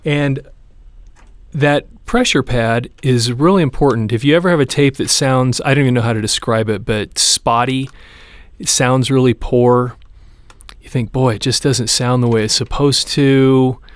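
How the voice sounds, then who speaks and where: A man demonstrates a repair by hand, explaining every step in an easygoing, straightforward manner as a casual how-to. He speaks a little slowly at medium pitch, and the recording is dry.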